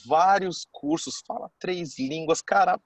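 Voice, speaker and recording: A man's voice: a little high, a little slow, no echo. A man, telling a personal story to a class in a casual, chatty way and acting out the people he quotes. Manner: chatty, keeps saying "cara".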